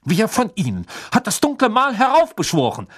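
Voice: mid-range voice, wildly swooping pitch, moderate pace, breathy edge, pitched above the performer's own voice. Mister Crouch, read as a barking cold official. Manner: barking, suspicious, sneering. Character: cold, furious older male wizard official. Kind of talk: audiobook character voice.

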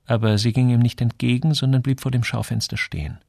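A man reading a story aloud with expressive storytelling narration. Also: medium pitch, brisk, creaky, no echo, clean studio sound. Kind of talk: scripted narration.

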